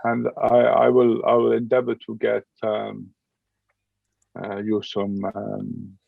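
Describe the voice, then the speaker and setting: A man playing a weary, hesitant soldier in improvised tabletop role-play, halting as he gropes for words in a gravelly, husky voice. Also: lowish voice, monotone, no room sound, exaggerated voice. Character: weary, hesitant, disillusioned male Bretonnian soldier. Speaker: game master. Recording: dull, lo-fi close audio.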